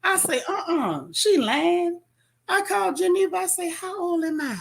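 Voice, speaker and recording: A woman hosting a casual gossip chat, sassy and playful with loud joking. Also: very high voice, lively intonation, normal speed, vocal fry, a little hiss or hum. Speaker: podcast host.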